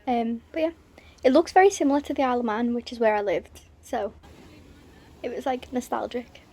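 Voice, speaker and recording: A woman's voice: on the high side, fairly quick, dark tone. A young woman recapping a trip in a casual vlog, chatty and full of filler "like"s. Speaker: travel vlogger.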